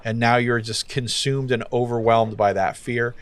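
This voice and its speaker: A man's voice: mid-range voice, fairly even intonation, normal speed, clear, resonant tone. A man running a tabletop game as game master, narrating in a casual, loose way full of fillers.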